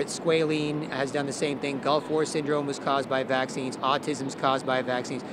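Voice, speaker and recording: This activist has a higher-than-average voice, and heavy background noise surrounds him. Giving a fervent street speech and an informal interview, he explains where he stands bluntly and insistently.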